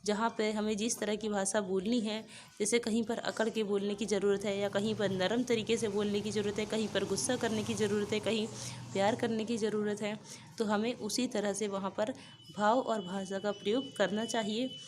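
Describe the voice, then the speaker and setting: A woman's voice: mid-range voice, level tone, moderate pace, noisy background. A woman explaining a school poem step by step, often restating each point in simpler words. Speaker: teacher.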